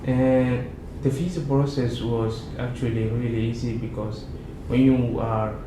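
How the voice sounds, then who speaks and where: A man's voice: mid-range voice, flat delivery, a little slow. A young man from Somalia answering interview questions casually, with hesitant speech and frequent restarts. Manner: hesitant, many restarts and fillers. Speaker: interview guest, MBA student. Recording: echoey room with background noise.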